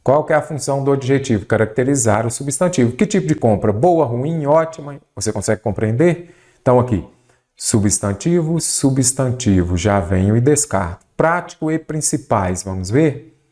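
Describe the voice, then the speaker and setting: A man's voice: mid-range voice, animated, moderate pace, warm tone. A man teaching a grammar lesson for exam prep, asking and answering his own questions and stretching out words. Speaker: Portuguese teacher.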